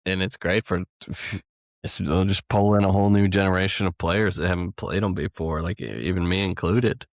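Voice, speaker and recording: A man's voice: deep voice, flat delivery, normal speed, dry recording, studio quality. A young man co-hosting a casual gaming podcast, rambling through his thoughts and laughing now and then. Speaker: podcast co-host.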